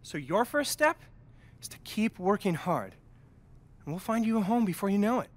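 An actor playing a slick, persuasive young sports agent in a video game cutscene. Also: male voice, sits high, lively intonation. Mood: earnest, motivating. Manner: fast-talking, pep-talk persuasion.

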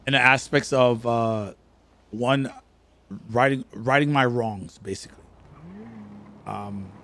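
A drunk man streams improvised role-play on a studio microphone. He speaks earnestly and haltingly, searching for each phrase, with some noise behind him. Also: mid-range voice, a bit bright. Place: indoor streaming room. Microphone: boom-arm studio microphone.

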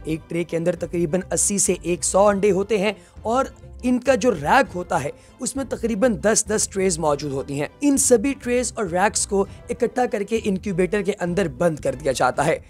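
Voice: medium pitch, darkish tone. A narrator reads a scripted documentary voice-over, explaining step by step and often addressing the listeners as friends. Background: faint background music.

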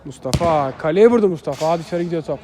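High-pitched man calling a football match. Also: expressive, fast talker, crowd noise. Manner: short clipped phrases, repeats players' names. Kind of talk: live play-by-play commentary of an amateur match.

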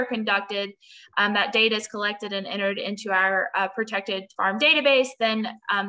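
Bright young woman moderating a webinar. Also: medium pitch, poor audio. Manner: friendly, many "um"s and repeated words. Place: small room. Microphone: built-in mic on a video call.

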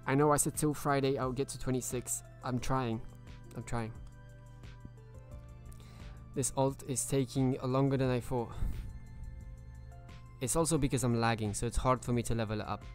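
A man's voice: medium pitch, fairly even intonation, brisk, soft background music. Chatty male game streamer. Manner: chatty, greets viewers by name. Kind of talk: casual live-stream commentary.

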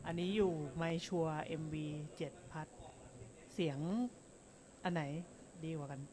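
A woman's voice: deep voice, fairly even intonation, unhurried, noisy background. A woman doctor co-hosting a casual chat, comparing microphones and testing them aloud in a music shop. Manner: testing mics aloud, counting and saying hello. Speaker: doctor co-hosting a live show.

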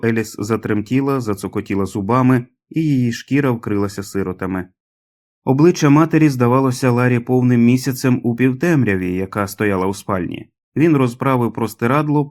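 A male audiobook narrator reading in a measured, dramatic way. His voice sits at an ordinary middle pitch for a man. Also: darkish tone. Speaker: audiobook reader.

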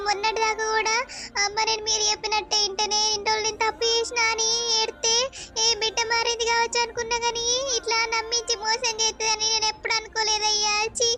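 A woman's voice: very high-pitched, a bit bright. A woman doing a fretful cartoon village mother. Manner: pleading, anxious questioning. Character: worried village mother, middle-aged wife.

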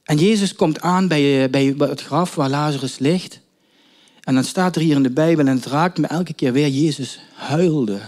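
A man's voice: on the high side, moderate pace, darkish tone. A male preacher telling a story in a sermon, with emphatic questions and thoughtful hesitations.

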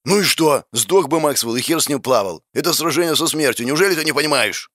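A man voicing a hot-tempered spirit of wrath who shouts and swears in an audiobook. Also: a little high, expressive, fast talker, no echo, clean studio sound, pitched above the performer's own voice. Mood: furious.

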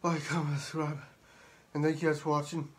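A man's voice: fairly high pitch, flat delivery, fairly quick, breathy edge. A man reviewing drinks in a casual vlog, rambling and upbeat, repeating his sign-offs and sometimes out of breath. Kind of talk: casual vlog talk to camera.

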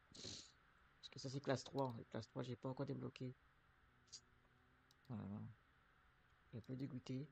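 This trucking-game streamer has the flu and rambles casually while showing viewers how he buys a truck, with plenty of fillers and restarts. His voice is medium-pitched, gravelly and darkish, and the recording carries a little hiss or hum.

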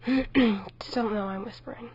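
A woman's voice: on the high side, steady tone, brisk, darkish tone, slightly rough, dull audio. A woman commentating her own gameplay with a sore throat, chatty and talking to herself with mild exclamations. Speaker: gameplay video host. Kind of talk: let's play commentary.

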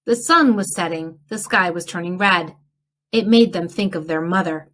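A woman librarian reading a picture book aloud, slow and expressive. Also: on the low side. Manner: slow expressive storytelling with character voices. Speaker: children's librarian.

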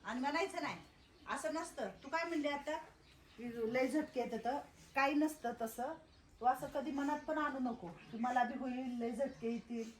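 Woman, old-age-home caretaker; gentle, repetitive reassurance; slightly high voice; echoey indoor room. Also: normal speed, slight background noise. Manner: soothing, coaxing, repeats herself. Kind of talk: casual reassuring talk to residents.

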